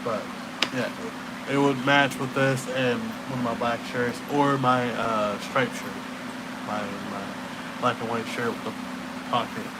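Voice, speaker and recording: A man's voice: mid-range voice, steady tone, unhurried. A young man rambling in a casual, laid-back stoner way, with slangy, profane talk that trails off and circles back. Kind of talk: casual late-night chat, rambling. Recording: clearly noisy room hum.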